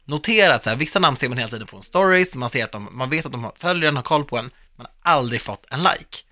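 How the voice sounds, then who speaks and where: Man, podcast co-host, playful, jokey, lively pitch, bright tone. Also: no echo, studio quality. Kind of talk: casual chat.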